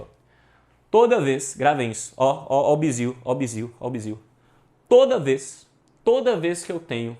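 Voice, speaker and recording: A man's voice: mid-range voice, darkish tone. A male teacher, explaining exam questions in a casual, slangy, emphatic way. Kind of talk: exam prep lesson.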